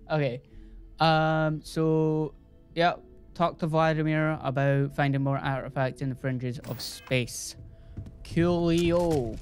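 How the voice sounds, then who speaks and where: A man's voice: fairly high pitch, clear, resonant tone. A man casually commentating his game playthrough, rambling and joking with his viewers. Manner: rambling, chatty, jokey, talks to his viewers. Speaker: gaming YouTuber. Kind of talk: casual let's-play commentary.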